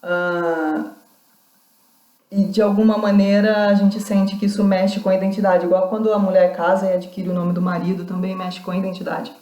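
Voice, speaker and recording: A woman's voice: medium pitch, little pitch movement, normal speed, warm tone, echoey room. A woman university lecturer giving a recorded class, explaining points step by step with frequent restarts. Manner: explanatory, reads out quoted accounts, many restarts.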